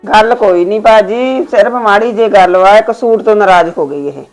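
An actress playing the wife of the house, matter-of-fact, explaining what happened. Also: female voice, medium pitch, normal speed, darkish tone, soft background music, close to an everyday voice. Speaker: actor in a family drama. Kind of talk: village family drama acting.

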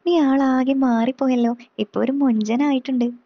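A woman's voice: sits high, fairly even intonation, moderate pace, no room sound, lo-fi sound. Woman reading as an easygoing young buddy. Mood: chummy. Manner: casual, chummy.

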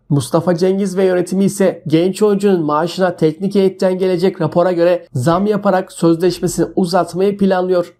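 A man reads scripted sports news. His voice is notably high for a man, with a dark, soft-edged tone.

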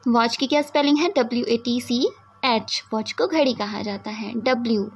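A woman teaching the English alphabet to children, asking questions and prompting answers in drawn-out, deliberate speech. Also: a little high, slightly rough. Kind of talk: slow alphabet lesson for children.

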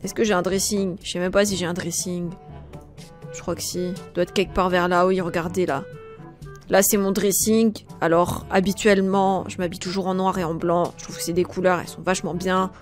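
A woman's voice: lowish voice, level tone, fairly quick, soft background music, close to an everyday voice. A woman playing a sullen, blunt young female contestant, a gloomy loner, with an offhand grumbling way of talking in a comedy role-play.

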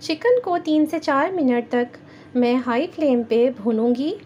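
A woman with a Pakistani Urdu accent hosting a cooking channel, giving calm step-by-step recipe instructions in a voice-over. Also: high-pitched, a little slow, dull audio, slight background noise. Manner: calm, instructive, addresses viewers directly.

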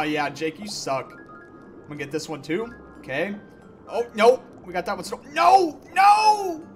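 A young man giving gameplay commentary, ranting and yelling at the game in frustration. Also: fairly high pitch. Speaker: gaming YouTuber.

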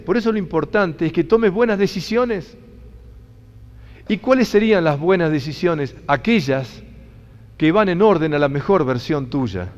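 A man with a Rioplatense Spanish accent giving an inspirational talk to an audience, earnest and emphatic, repeating key phrases. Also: fairly high pitch. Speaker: motivational speaker. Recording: dull sound, long hall reverb.

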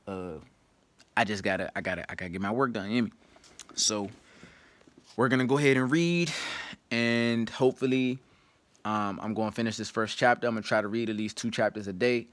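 A man's voice: on the low side, fairly quick, long pauses, a bit bright. A young man in casual vlog talk, loose and slangy, sometimes reading a book aloud with asides. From Washington, D.C. area. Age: young adult.

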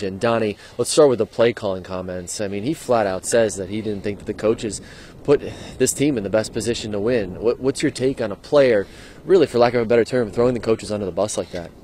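Holding a handheld mic at an outdoor football stadium at night, a male sports reporter in his thirties gives a live postgame TV report, sounding earnest and questioning. He has a lowish, slightly mellow voice and talks fairly quickly, with faint stadium noise around him.

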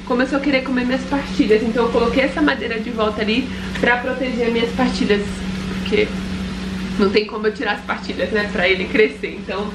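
A young woman from Brazil with a São Paulo accent, chatting casually in a home vlog, emotional and often dropping to a soft murmur. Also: on the high side, steady tone, fast talker, noisy background. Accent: Brazilian Portuguese, São Paulo. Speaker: vlogger. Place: home, indoors.

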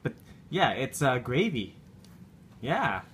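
Very deep-voiced woman coaxing softly. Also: sing-song, slow, a little hiss or hum. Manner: soft, patient coaxing with short repeated words. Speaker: parent feeding a toddler. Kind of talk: home video chat at the dinner table. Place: home dining table.

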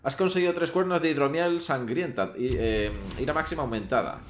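On the high side and brisk, this streamer's voice carries easygoing commentary while he plays a video game and talks with viewers. The recording sounds roomy, with faint background noise.

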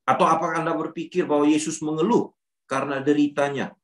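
A man's voice: fairly high pitch, steady tone, quick pace. A man giving a conversational Bible teaching to a youth group, often asking rhetorical questions. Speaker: youth ministry speaker. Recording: roomy echo.

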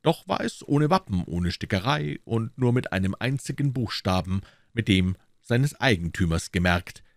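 A man reading a classic novel aloud as an audiobook narrator, with measured, expressive storytelling. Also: lowish voice, gravelly, no echo, studio quality. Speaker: audiobook reader.

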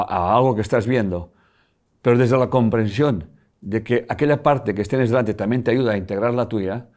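Lively older Spanish man giving a lecture. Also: medium pitch. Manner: animated, asks the audience often if they follow. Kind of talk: live lecture.

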